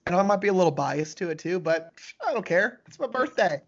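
Male podcast co-host, mid-twenties, hoarse smoker's rasp with gravelly fry, loose conversational delivery, slightly muffled sound. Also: high voice, expressive, brisk. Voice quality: smoker's rasp, voice prone to cracking. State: hoarse from a lost voice. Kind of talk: casual chat.

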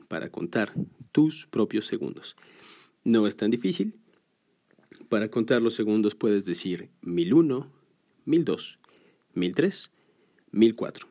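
A man's voice: mid-range voice, mellow. A man guiding a box-breathing exercise, patiently counting the seconds aloud. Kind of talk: guided breathing instruction.

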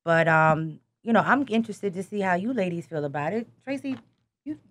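A woman hosting a casual talk show, stretching out words as she raves about food. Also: fairly low pitch. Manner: lively, drawn-out food praise. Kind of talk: casual chat.

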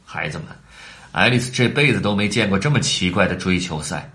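Animated man reading a story to kids. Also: low voice, fairly quick. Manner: animated, talking to the children between lines. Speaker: storyteller for children. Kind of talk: reading a children's story aloud.

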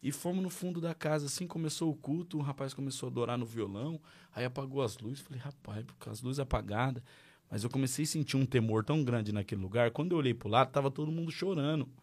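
A man's voice: medium pitch, fast. Brazilian man telling his story. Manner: lively storyteller acting out dialogue. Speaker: guest. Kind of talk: casual testimony.

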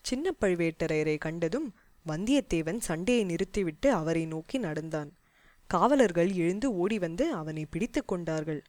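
A woman reading a historical novel aloud as an audiobook narrator, measured and clear. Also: lowish voice, expressive, a little mellow, dry recording.

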